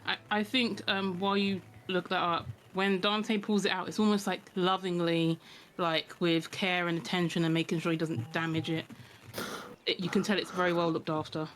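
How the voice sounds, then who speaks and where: A player softly describing a character's careful actions in a tabletop game. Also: medium pitch, level tone, moderate pace, slight background noise, low-quality recording. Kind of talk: casual tabletop game chat.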